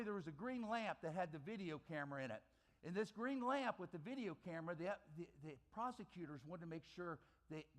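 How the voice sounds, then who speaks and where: A man giving a personal testimony as a chapel speaker, telling his story dramatically and repeating phrases for emphasis, swinging between loud bursts and quiet low lines.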